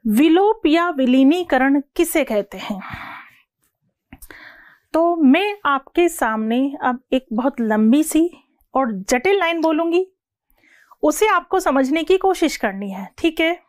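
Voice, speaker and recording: A woman teacher giving a lecture, asking her students questions and repeating the definitions slowly, word by word. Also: sits high, animated, no room sound, studio quality. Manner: repeats and asks the class questions; slows down to read definitions word by word. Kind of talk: classroom lecture.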